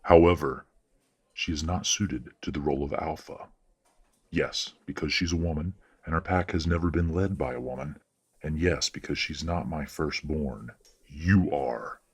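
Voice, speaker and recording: In an audio roleplay drama, a man voices a middle-aged werewolf father who is stern yet courteous. His delivery is formal, measured and authoritative, pitched extremely low with a breathy edge.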